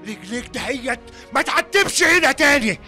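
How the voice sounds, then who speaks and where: An actor playing a wrathful, wealthy older father who disowns his son, shouting and cursing in an Egyptian accent in a radio drama. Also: extremely high pitch, animated, normal speed, soft background music, exaggerated voice. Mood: furious. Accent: Egyptian Arabic. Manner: shouting, cursing, repeating himself.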